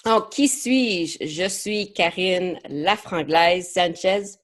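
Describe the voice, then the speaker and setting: Speaking low and drawing out her words, an English Canadian woman whose native language is English leads a live online marketing training. Her French is chatty and laced with English words, with plenty of hesitations and repeated words.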